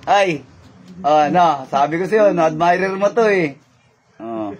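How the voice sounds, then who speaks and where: A man's voice: sits high, unhurried, slightly rough. A man acting as faith healer in a spirit healing session, commanding one moment and teasing and laughing the next.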